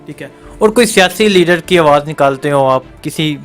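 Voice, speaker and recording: Upbeat, higher-voiced male interviewer. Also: faint music behind. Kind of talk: presenting to viewers.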